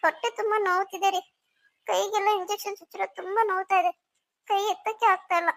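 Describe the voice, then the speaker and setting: A woman's voice: extremely high pitch, steady tone, fast talker, gravelly, no echo, studio quality. A woman voicing a meek, apologetic young wife in a cartoon story. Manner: meek, pleading.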